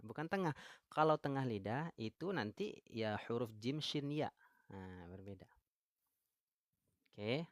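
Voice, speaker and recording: A man's voice: on the high side, no room sound. A man with an Indonesian accent teaching Quran recitation rules on a live stream. He asks viewers questions and reads out their comments. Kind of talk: live-stream tajwid lesson. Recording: live stream, dry close mic.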